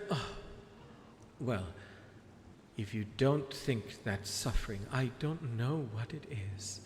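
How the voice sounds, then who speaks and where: A vain, theatrical sea witch, put on by a man, drawls grandly at the crowd, slow and full of swooping pitch. Her camp, self-pitying lines ring through an echoey hall with faint noise behind. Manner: grandiose, camp, addresses audience as darlings. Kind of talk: live theatrical stage performance.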